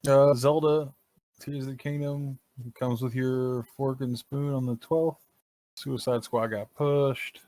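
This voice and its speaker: A man co-hosting a gaming podcast, talking casually, opinionated and animated, and he swears often. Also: medium pitch, slow pace. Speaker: podcast co-host. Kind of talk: casual chat.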